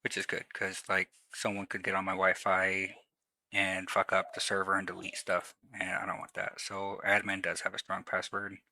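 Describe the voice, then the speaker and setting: A man's voice: deep voice, completely flat delivery, normal speed, sharp tone, dry recording, poor audio. A man with a lisp streaming from home, talking casually and rambling about his tech setup, swearing now and then. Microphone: new desk microphone. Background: faint music.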